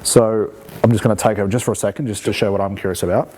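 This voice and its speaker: Man, hypnosis teacher, slightly deep voice, explanatory, conversational, rhetorical questions. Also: fairly even intonation, very fast, darkish tone, a little hiss or hum, rough recording. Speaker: hypnosis instructor. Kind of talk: live teaching demonstration with commentary.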